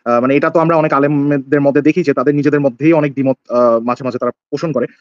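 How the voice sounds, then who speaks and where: A man's voice: mid-range voice, fairly even intonation, darkish tone, no echo, highs cut off. A man interviewing his guest in a polite, hedging way, filling his questions with small affirmations. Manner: polite, hedging, fills pauses with "mane" and "right".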